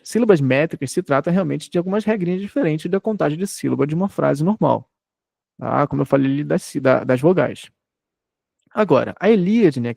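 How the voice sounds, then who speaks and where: A man's voice: a little high, gravelly, mellow, no room sound, clean studio sound. A man in his thirties from Brazil, giving an online lecture, explaining patiently and checking in often with his students. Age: 30s. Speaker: teacher.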